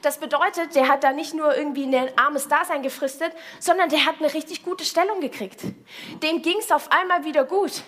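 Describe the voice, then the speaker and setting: A woman's voice: high voice, brisk, a bit bright. A woman giving a casual Bible devotional in colloquial speech, often turning to the listener with direct questions.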